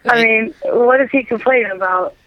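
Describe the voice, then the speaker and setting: A woman's voice: a little high, moderate pace, muffled recording, over a noisy crowd. A woman in her thirties co-hosting a casual chat show, blunt and joking, swearing freely. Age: 30s. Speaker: co-host.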